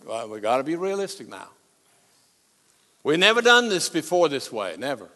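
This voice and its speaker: A man preaching a sermon in an authoritative, emphatic manner, breaking his sentences into short phrases with deliberate pauses. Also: fairly high pitch, sing-song, sharp tone. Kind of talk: sermon to a congregation and broadcast audience. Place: large reverberant hall before a congregation. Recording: long hall reverb.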